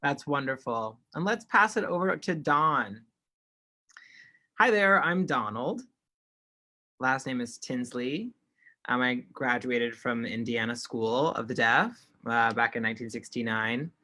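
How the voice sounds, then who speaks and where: A sign language interpreter voices panelists' signed remarks in the first person over an online call, restarting often. His medium-pitched voice is bright and forceful, and he doesn't hurry.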